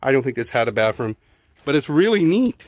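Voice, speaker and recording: Fairly quick and sing-song at medium pitch, a middle-aged man with a Texan accent narrates as he explores an outdoor ruined zoo. He casually thinks aloud and repeats words while filming on a handheld phone camera, and the audio has no room sound.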